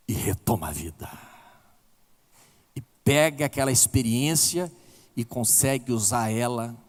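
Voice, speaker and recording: A man in his forties with a Brazilian accent, preaching a sermon as a pastor and telling stories with big swings in his voice. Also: long reverb tail. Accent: Brazilian Portuguese. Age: 40s. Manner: emotional storytelling with big pitch swings. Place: church hall.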